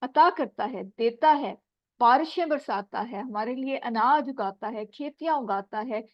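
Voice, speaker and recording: In a fairly high voice and a little slowly, a woman teacher patiently goes word by word quizzing students in an online lesson. The poor connection keeps cutting her voice out, and the video-call audio is dull and dry.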